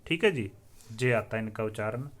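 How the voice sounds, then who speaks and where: A man teaching the alphabet in a slow classroom style, sounding out letters one by one and asking listeners to repeat after him. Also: lowish voice. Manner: drills letters aloud and asks viewers to repeat; often says "theek hai ji" as a filler. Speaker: Hindi teacher.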